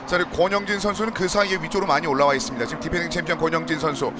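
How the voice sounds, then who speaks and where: A man's voice: a little high, fairly even intonation, rapid-fire. A man calling a car race live as an urgent play-by-play motorsport commentator. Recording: loud track and engine noise. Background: cars and outdoor ambience.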